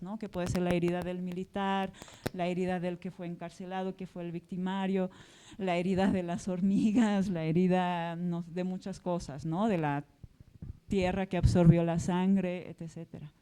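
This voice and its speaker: Against a noisy background, a Portuguese woman with a lowish voice moderates a literary panel at a public talk. She poses a reflective, discursive question woven with a personal anecdote, often checking in with short tag questions.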